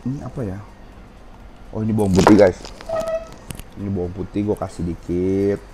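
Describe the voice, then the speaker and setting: A food vlogger with a low, level voice chats with viewers at a normal speed while tasting ramen in a restaurant. He keeps saying "guys," sounds a bit sore-throated, and there's background noise.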